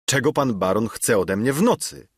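Dude reading doing bossy old grandpa, loud and high, scolding, husky. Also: male voice, animated, normal speed, no room sound, clean studio sound. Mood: scolding, gruff. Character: gruff old grandfather, blunt and commanding.

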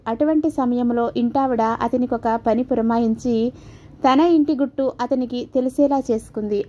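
Soft-spoken woman telling a story. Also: on the high side. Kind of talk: scripted story narration. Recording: dull lo-fi recording.

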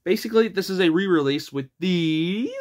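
A man's voice: high voice, a little fast. A man casually reviewing a DVD for his channel, chatty and eager as he points out what he is showing.

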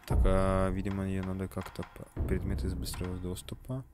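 A man with a notably low voice talks through his game session in a loose, joking way. He swears offhand and reads the game's text aloud. Clear game music plays underneath. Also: monotone, fairly quick. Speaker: gamer playing a video game. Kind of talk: casual let's-play commentary.

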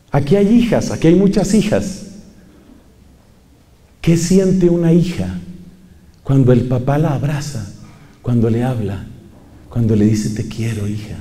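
A man's voice: a little high, mellow. A man preaching a sermon to a congregation, emphatic, repeating key phrases and putting questions to his listeners. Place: large church hall with congregation. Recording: long hall reverb.

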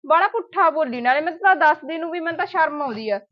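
A woman's voice: high voice, lively intonation, fast talker. A woman with a Punjabi accent playing a stubborn, argumentative young sister in a family drama. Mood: complaining. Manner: argumentative, insistent. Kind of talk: amateur short-film acting. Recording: dull lo-fi sound.

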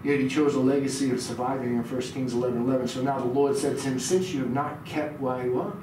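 Preaching in a small church room, this middle-aged man reads from scripture and puts questions to the congregation at a quick clip. His medium-pitched voice stays steady. The recording is noisy and heavily echoed, picked up from a distance.

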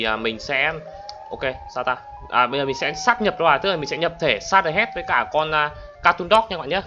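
A man narrates his gameplay in a fairly high voice. He bursts into loud exclamations now and then. Game music plays clearly underneath him. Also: highs cut off. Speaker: gaming YouTuber. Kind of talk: excited gameplay commentary. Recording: game music playing behind the voice.

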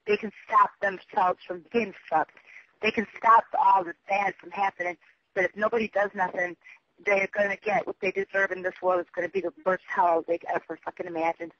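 A person leaves a rambling, urgent phone voicemail, repetitive, emphatic and prone to swearing. The voice is medium-pitched with fairly even intonation and a slightly fast pace, and the telephone recording sounds muffled and dull.

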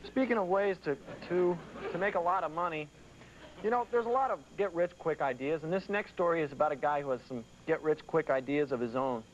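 A man's voice: a little high, fairly quick. A young man hosting a scripted comedy show in a goofy, mock-exasperated manner. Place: TV studio set. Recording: muffled noisy old VHS tape.

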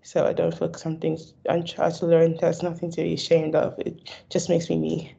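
Over dull, lo-fi video call audio from an indoor room, a young stammering awareness advocate answers interview questions. She has a deep, gravelly, slightly rough, dark voice, speaking in a monotone at normal speed while repeating words and restarting.

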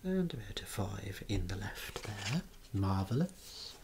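A man with a deep, low voice whispers gently through a clinic role-play, unhurried and careful. His pitch rises and falls in a lively way, and he drops in soft words of praise as he works. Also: slight background noise. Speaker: clinician demonstrating eye and head measurements.

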